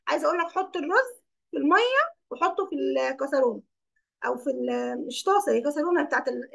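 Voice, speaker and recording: She's an English teacher with an Egyptian Arabic accent, explaining vocabulary in Arabic and quizzing her pupils by name during a classroom lesson. Her voice is high-pitched, gravelly and a bit bright.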